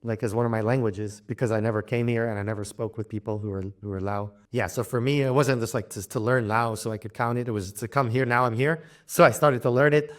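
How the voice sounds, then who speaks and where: This interview guest is a young man from Louisiana, United States, whose voice sits at a medium pitch. Chatting casually about travel and learning languages, he comes across as relaxed but halting, with frequent restarts and light laughter.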